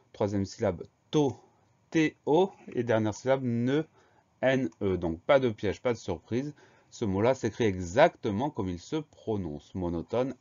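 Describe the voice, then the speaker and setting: Low-voiced patient French spelling teacher. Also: male voice, darkish tone, lo-fi sound. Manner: slow, patient, spells words letter by letter. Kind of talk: spelling lesson.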